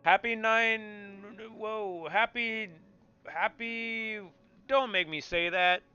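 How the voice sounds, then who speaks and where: Bright-voiced joking male game streamer. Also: sits high, slow pace, clear, resonant tone, highs cut off, faint music behind. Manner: joking, rambling, repeats himself. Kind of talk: casual chat with stream viewers.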